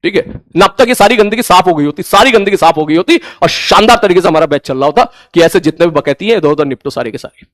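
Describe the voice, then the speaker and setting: A man's voice: high-pitched, animated, fast talker, few pauses, dry recording, clean studio sound. A man teaching physics online to his class, blunt and stern, repeating points for emphasis. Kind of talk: scolding lecture to an online class.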